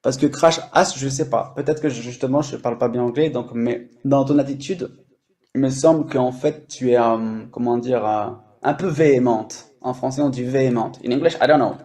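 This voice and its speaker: A man's voice: mid-range voice, normal speed, dark tone. A French-speaking man hosting a language-learning live stream, explaining casually with many fillers and restarts.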